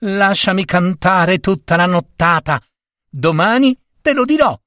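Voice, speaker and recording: A man voicing a tiny, calm house cricket in a folk tale, with shrill trilling chirps and short answers. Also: a little slow, dry recording, clean studio sound.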